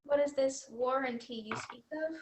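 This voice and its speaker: A woman's voice: high voice, fairly even intonation, moderate pace, close to an everyday voice. A woman playing an overly polite robot vacuum who talks in stiff, formal android diction. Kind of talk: stage comedy acting.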